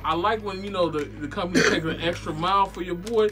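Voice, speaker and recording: A young man in casual, joking snack-tasting chat for his vlog, slangy and animated. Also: high-pitched, quick pace, over music. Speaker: vlogger.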